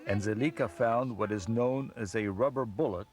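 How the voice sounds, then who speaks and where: A man narrates a documentary in an even, measured voice-over. His pitch sits in a middle range, neither high nor low, and he keeps his delivery steady. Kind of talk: scripted narration.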